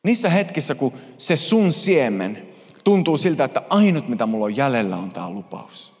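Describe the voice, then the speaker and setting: A man preaching a sermon as pastor, impassioned, swinging between hushed and loud passages. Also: medium pitch, very animated. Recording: reverberant hall.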